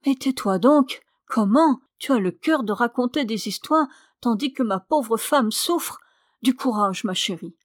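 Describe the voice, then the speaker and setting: A woman reading a gruff teasing male doctor. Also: a little high, lively intonation, a little slow, no room sound, studio quality. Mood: scolding. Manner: brusque, bantering.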